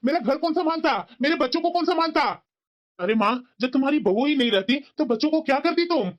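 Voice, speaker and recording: An earnest young cartoon husband, as a woman acts him out, with a fairly high voice. He argues patiently, and the audio is dull and lo-fi. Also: expressive, fast talker. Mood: arguing. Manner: earnest, reasoning. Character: caring young husband and son.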